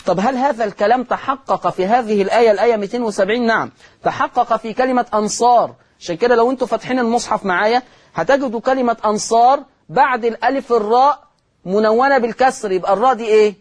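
A man with an Egyptian accent teaching Quran recitation rules on television, repeating each rule and answering his own questions. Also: very high voice. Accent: Egyptian Arabic. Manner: slows to chant example words.

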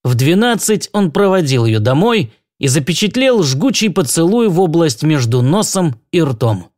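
A man narrating an audiobook with expressive, lively storytelling. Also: on the high side, moderate pace. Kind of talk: audiobook reading.

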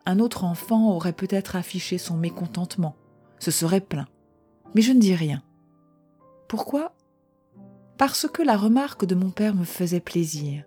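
A woman calmly reading a first-person short story aloud in a measured voice. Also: mid-range voice, breathy edge.

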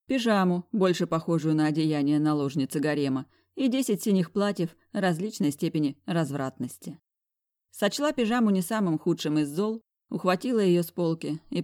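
A woman's voice: deep voice, warm tone, no room sound, clean studio sound. A woman narrating a novel aloud in the first person. Her reading is wry and sarcastic, drawing out the comedy in the heroine's plight. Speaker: audiobook narrator.

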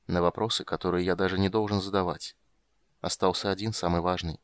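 A man voicing a weary, grim monster hunter in an audiobook, speaking gruffly and bitterly. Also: level tone, fairly quick, no echo, clean studio sound, natural voice. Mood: subdued. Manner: gruff, bitter, low-key. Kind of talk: audiobook character reading.

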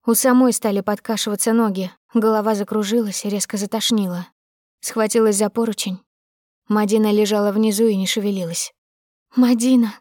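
A woman's voice: mid-range voice, steady tone, a little fast, darkish tone, dry recording, clean studio sound. A woman narrating a tense, dramatic audiobook in the first person.

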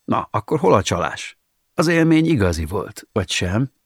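A man's voice: lowish voice, sing-song, breathy edge, no room sound, studio quality, full character voice. A man reading the part of a boastful young man with surgically fake muscles, chatting breezily with his lover.

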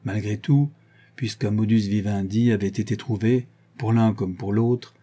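Man reading an audiobook, low dark husky voice, measured storytelling. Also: steady tone. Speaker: narrator.

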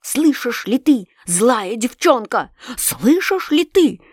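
A woman's voice: a little high, sing-song, slow pace, dry recording, clean studio sound, pitched above the performer's own voice, heavily acted. Woman doing a trembling, desperate father. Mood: frantic whisper. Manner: trembling, hushed whisper. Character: desperate, unstable father, frantic and bitter.

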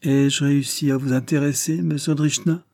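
A man reading an audiobook plays a composed blind gentleman detective, soft-spoken and dryly ironic. He is lifted a little above the reader's own voice, with a dark, husky tone and a dry, close sound. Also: a little high, steady tone, moderate pace, no echo, voice pushed up. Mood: explaining. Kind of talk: audiobook character voice.

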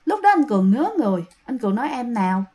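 A woman's voice: fairly high pitch, very animated, racing, dark tone. A woman with a Southern Vietnamese accent telling a ghost story in a chatty way, often speaking directly to her listeners.

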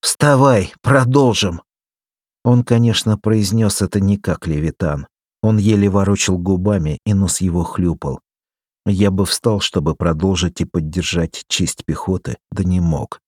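A man narrating a story in the first person, measured and steady. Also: low voice, no echo, studio quality. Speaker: audiobook reader.

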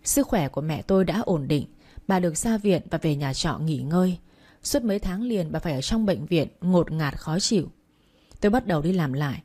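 Warm-voiced woman reading a story. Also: lowish voice, lively intonation, normal speed. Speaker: audiobook narrator. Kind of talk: first-person story reading.

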